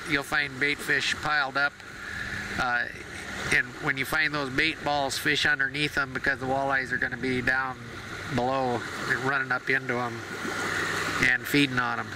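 A man's voice: medium pitch, flat delivery, normal speed. A man narrating a fishing tour of a lake from a boat, speaking plainly with frequent "uh" fillers. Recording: loud boat and wind noise. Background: boat motor and water noise.

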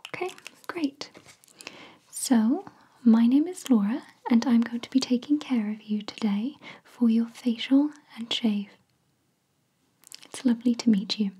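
A woman whispering gently as a spa therapist, her voice airy and breathy all the way through. She speaks slowly and soothingly, a touch higher in pitch, with a mellow, soft edge to every word. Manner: soft, soothing, slow and attentive. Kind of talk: whispered ASMR roleplay.

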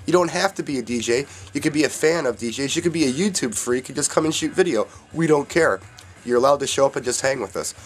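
Guy, dj vlogger, upbeat, reading off event dates from his notes, mid pitched voice. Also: breathy edge. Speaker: DJ and YouTube host announcing events. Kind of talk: casual announcement to viewers.

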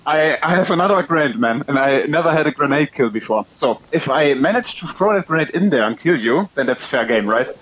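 A man's voice: a little high, lively intonation, a little fast, few pauses, fairly bright tone, rough recording. A German man speaking English with a German accent, chatting casually and a little hesitantly while playing an online game, in a joking manner.

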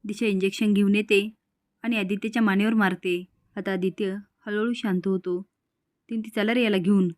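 A woman's voice: mid-range voice, fairly even intonation, normal speed, no echo, clean studio sound. Woman, storytelling recap of a TV serial, voices every character's lines in her own plain voice. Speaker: narrator recapping a TV serial episode. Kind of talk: storytelling recap with quoted dialogue.

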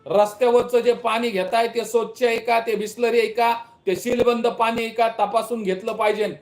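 Man, very high voice, urgent pleading appeal, echoey room. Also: flat delivery, moderate pace, creaky, faint music behind. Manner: urgent, pleading, repetitive warnings. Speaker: local political leader giving a public warning. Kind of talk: impassioned direct-to-camera appeal.

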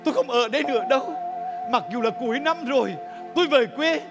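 A loyal old servant, wounded and proud, who declaims in a very high, tearful voice. Music plays clearly behind the stage performance. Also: male voice, fast talker. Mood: indignant. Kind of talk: stage comedy sketch acting.

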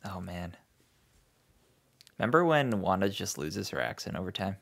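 A man's voice: deep voice, very animated, normal speed, gravelly. A young man co-hosting a podcast, laid-back and joking in casual chat. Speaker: podcast co-host.

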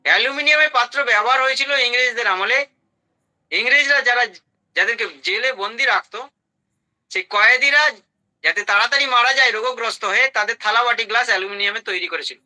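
High, bright-voiced man giving a health talk. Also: fast talker, pauses often, rough recording. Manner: emphatic, lists items in short bursts; asks rhetorical questions. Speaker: health speaker.

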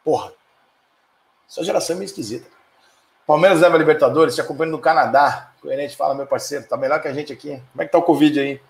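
With a fairly high pitch and audible vocal fry, a middle-aged man speaking with a Brazilian Portuguese accent runs a live stream in an echoey room. The chat is casual but heated: he reads comments and responds with fiery, profane ranting, quick to lose his temper.

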